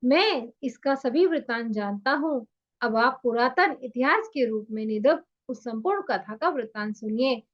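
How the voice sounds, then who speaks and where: A woman reading a religious text aloud in a measured, deliberate way, stopping now and then to explain it. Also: fairly high pitch. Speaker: scripture reader and commentator. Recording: dull lo-fi recording.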